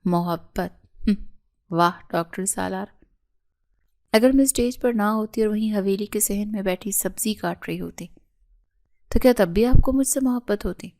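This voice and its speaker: A woman's voice: medium pitch, long pauses, a little mellow, close to an everyday voice. Cold cutting young wife, proud and hurt, as a woman reads her.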